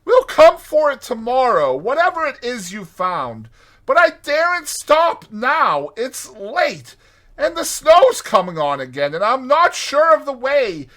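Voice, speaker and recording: A man voicing a brisk, cheerful, bossy rat who calls out heartily in a storybook reading. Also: extremely high pitch, huge pitch swings, bright, forceful tone, voice pushed up, exaggerated voice. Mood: brisk, insistent.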